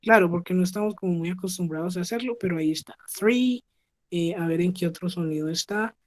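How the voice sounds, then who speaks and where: Speaking a little fast in a darkish, fairly low voice, this Colombian woman patiently explains English pronunciation online, often checking in with "¿sí?". There's slight background noise.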